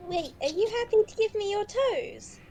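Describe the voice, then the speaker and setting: Playful high-voiced woman player. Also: expressive, moderate pace, darkish tone. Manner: playful, giggly. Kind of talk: tabletop role-play.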